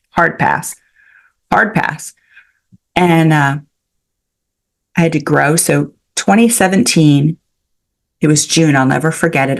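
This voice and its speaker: A woman in her sixties, a podcast guest, telling a personal story in an animated, chatty way with frequent restarts. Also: low-pitched, gravelly. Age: 60s. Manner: animated, with many restarts and fillers. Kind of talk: storytelling in a casual interview.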